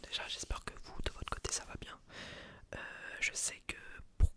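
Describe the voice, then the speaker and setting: A young ASMR creator and streamer rambles casually in a quiet, breathy night-time whisper, informal and hesitant. It comes across as an unhurried late-night murmur.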